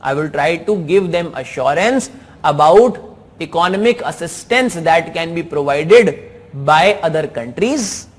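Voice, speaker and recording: A man's voice: on the high side, animated, a little slow. A man with an Indian English accent reviewing exam answers in a lesson, repeating key phrases for emphasis. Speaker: teacher.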